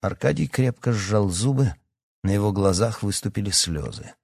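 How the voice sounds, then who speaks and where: Male narrator, low-pitched, measured expressive reading. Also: vocal fry, slightly rough, no room sound, studio quality. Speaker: audiobook narrator. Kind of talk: scripted narration.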